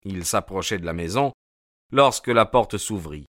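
A man narrating a classic detective novel in an audiobook, measured and expressive. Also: deep voice, no room sound, studio quality. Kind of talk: scripted literary narration.

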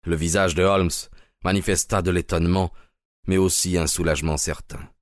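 Deep-voiced male narrator. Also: no echo, studio quality. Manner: steady, measured storytelling. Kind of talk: scripted dramatic narration.

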